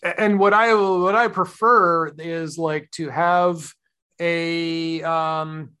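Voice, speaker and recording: A man's voice: a little high, steady tone, takes it slowly, pushed and bright, clear, resonant tone. A man co-hosting a podcast in casual chat, rambling and thoughtful, with many fillers and restarts. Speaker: podcast co-host.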